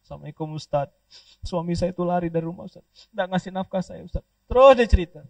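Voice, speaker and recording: A man's voice: high-pitched, fast talker, vocal fry, a little mellow, dry recording, distant mic, poor audio. A man preacher voicing a complaining woman congregant who pleads about her husband. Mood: pleading. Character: complaining middle-aged woman congregant, self-pitying.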